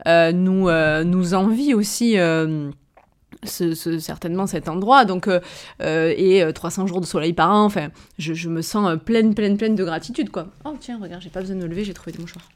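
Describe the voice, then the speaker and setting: Speaking on the low side with a slightly mellow voice, a young southern French woman talks about her travels on her diary-style podcast. Emotional and near tears, she hesitates, restarting often and filling pauses.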